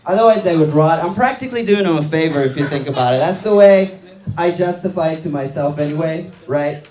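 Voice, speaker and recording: A man's voice: on the high side, darkish tone. A young man from Iran doing a stand-up set on a small club stage, talking loosely into a handheld mic, with lots of fillers and tag questions. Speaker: stand-up comedian. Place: small comedy club stage with live audience. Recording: roomy club sound.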